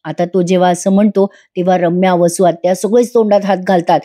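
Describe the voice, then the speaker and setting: A woman's voice: lowish voice, steady tone, a little fast, mellow. A woman narrating a voice-over recap of a TV serial, chatting directly to viewers.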